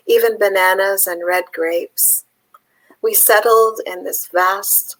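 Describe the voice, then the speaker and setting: A woman from Palestine, a poet, talking thoughtfully with pauses and fillers, then reading her own poem aloud. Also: medium pitch, poor audio. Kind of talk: conversation and poetry reading.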